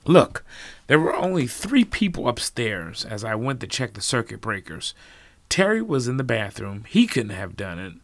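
A man's voice: mid-range voice, big pitch swings, moderate pace, no echo. A man voicing a defensive adult man who argues insistently and lays out his reasoning. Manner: insistent, building an argument. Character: defensive adult male host, reasoning urgently.

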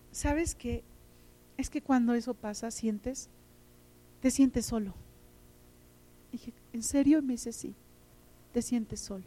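A middle-aged woman preaches with a fairly high voice. She tells personal stories with feeling and often repeats words for emphasis. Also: warm tone. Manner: emotional, storytelling, repeats words. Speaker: teacher and lay preacher.

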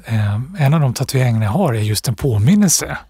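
Breathy man, thoughtful guest. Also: medium pitch, lively intonation, dark tone, no echo, studio quality. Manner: thoughtful, pausing, with restarts and fillers. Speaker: author, guest. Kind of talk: reflective interview talk.

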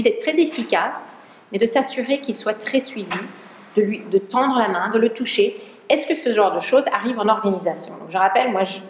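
A woman's voice: mid-range voice, echoey room, big-room sound, a little hiss or hum, poor audio. A woman researcher speaking to an audience, with an English-speaking accent and a hesitant manner full of restarts. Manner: hesitant, many restarts, mixes in English words. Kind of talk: talk with an audience.

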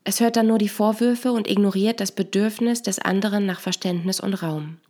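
A woman narrates a scripted story in a calm, explanatory manner. Her pitch sits in the middle range. She moves steadily between the scenes and the points she explains. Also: normal speed.

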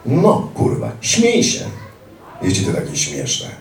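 A man's voice: deep voice, huge pitch swings, slow pace, roomy sound, distant mic, voice pushed up, heavily acted. A man voicing a brutal male Maoist militant who screams abuse. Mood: furious. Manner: abusive, screaming.

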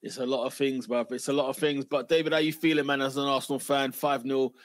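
A man's voice: mid-range voice, steady tone, quick pace, dry recording, studio quality. A man with a London accent hosting a podcast in slangy, casual banter, repeating phrases for emphasis. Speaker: podcast host.

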